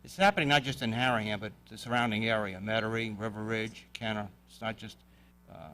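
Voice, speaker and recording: A man, a police chief giving an earnest, deliberate public address in a city council chamber. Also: fairly low pitch, pushed and bright, a little hiss or hum. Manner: earnest, deliberate, plain-spoken.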